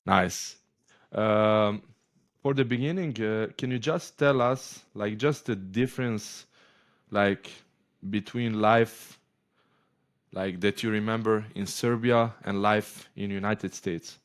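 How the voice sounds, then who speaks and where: A man hosting a casual interview, halting, with many fillers. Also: lowish voice. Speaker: host.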